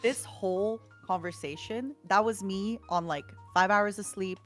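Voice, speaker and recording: A woman's voice: medium pitch, measured pace, a bit bright, soft background music. A young woman guest on a livestream, chatting casually, giggling and rambling through stories. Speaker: guest streamer.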